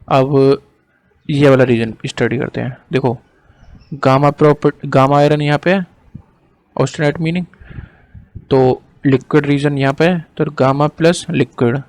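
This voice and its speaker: Man, teacher, casual lecture, slow dictation of definitions, quicker explanations between, apologetic about hesitating, mid-pitched voice. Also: darkish tone. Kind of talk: lecturing over a screen diagram.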